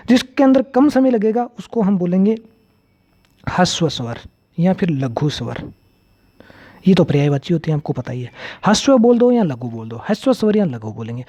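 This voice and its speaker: A man delivers an exam-prep grammar lesson in a very dark, mellow voice. He repeats each key term several times and poses questions he answers himself. The audio is slightly dull and lo-fi. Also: high voice. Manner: repeats key terms, asks and answers his own questions. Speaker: teacher.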